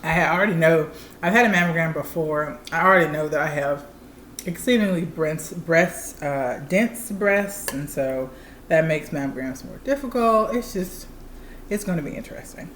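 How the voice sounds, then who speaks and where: A woman in her thirties co-hosts a channel, chatting candidly and explaining things plainly to viewers in casual conversation. Her voice is low and at normal speed, recorded in an echoey room with a little hiss or hum.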